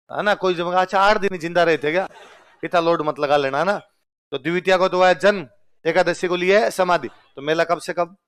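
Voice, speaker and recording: Man teaching, smooth clear voice, slightly high, call-and-response quizzing. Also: fairly bright tone. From Rajasthan. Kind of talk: exam-prep lecture.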